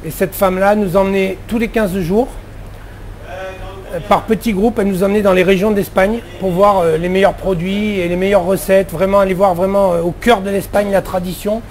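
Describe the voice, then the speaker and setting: High-voiced chatty French chef. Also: male voice, fairly even intonation, normal speed, a little mellow. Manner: chatty, many fillers and restarts. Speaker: head chef. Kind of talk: casual interview answers.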